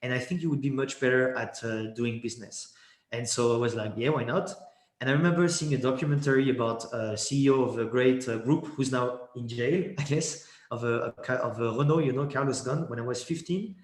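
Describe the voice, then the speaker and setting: A young Swiss man whose first language is French is a guest in a casual interview, recorded in an echoey room. His mid-range voice moves a little fast, and he rambles with many restarts and fillers.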